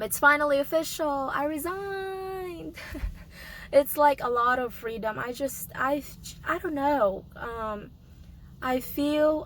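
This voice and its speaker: Young woman, sick and hoarse, slow unhurried vlog chatter, slightly high voice, faint room hum behind. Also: fairly bright tone, rough recording. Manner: halting, many ums and restarts. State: hoarse from a cold, coughing. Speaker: vlogger. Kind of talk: casual vlog update.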